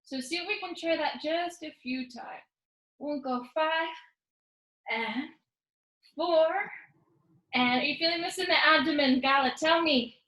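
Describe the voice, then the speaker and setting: A woman's voice: sits high, measured pace, long pauses, sharp tone, roomy sound, rough recording. A woman fitness instructor guiding a workout, counting reps and mixing Spanish cues into her instructions. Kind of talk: guided workout cueing.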